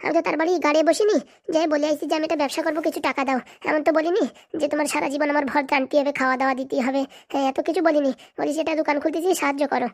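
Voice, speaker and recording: Jilted cartoon wife, voiced by a woman, young, high, very fast, insistent, complaining. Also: steady tone. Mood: aggrieved.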